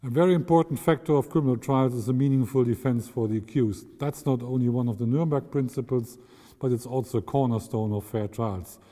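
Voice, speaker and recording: A man's voice: mid-range voice, a little fast, dark tone. Older German man announcing formally. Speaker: award presenter. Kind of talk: formal speech to camera. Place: office with banner, indoors. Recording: long hall reverb.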